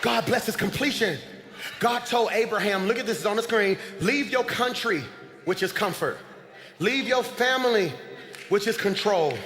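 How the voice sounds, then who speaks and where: Pastor guy, high voice, preaching loud then going quiet, big echoey church. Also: normal speed. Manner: preaching with call-and-response, swings from shouting to low confiding tones. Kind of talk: sermon. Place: large church sanctuary.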